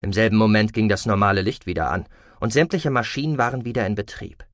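A man reading a science fiction audiobook as narrator, expressive and voicing every character. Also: lowish voice, quick pace, no room sound, clean studio sound. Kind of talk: scripted narration.

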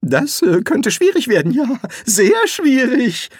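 Reader putting on a jittery wizard, high strained voice, stammering, dry close mic. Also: sing-song, takes it slowly, breathy edge, no room sound, heavily acted. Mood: flustered. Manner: hesitant, flustered, with ums. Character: nervous cowardly male wizard. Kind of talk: audiobook character voice.

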